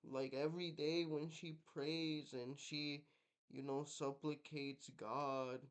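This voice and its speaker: A young man from Guatemala speaks to his viewers in an unhurried, reflective personal monologue. His voice is smooth and clear and sits a little high, and he fills his pauses with um and like. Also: flat delivery. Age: young adult. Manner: reflective, lots of fillers like um and like. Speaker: vlogger.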